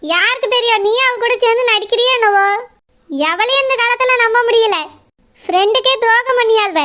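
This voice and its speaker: A woman plays a suspicious young village woman with a Kanyakumari Tamil accent who scolds and accuses. Her voice is very high and bright in a homemade village serial. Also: a little fast. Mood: accusing.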